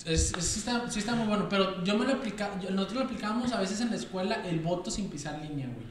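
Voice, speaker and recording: Animated young Mexican man, echoey room. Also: sits high, fast, slight background noise. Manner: animated joking, stammering restarts, heavy slang. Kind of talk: casual chat.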